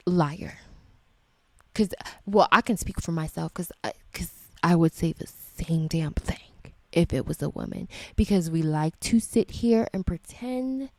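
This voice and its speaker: A woman's voice: fairly low pitch, unhurried, no echo. A woman giving indignant reaction commentary as an educator, swearing freely and firing off rhetorical questions. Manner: indignant, profane ranting.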